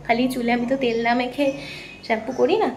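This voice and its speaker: A young woman talks through her plans in a rambling vlog monologue, often pausing on fillers. Her voice is a little high. A faint hum of the room sits behind her. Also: steady tone, darkish tone. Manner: rambling, thinks aloud with fillers. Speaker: vlogger.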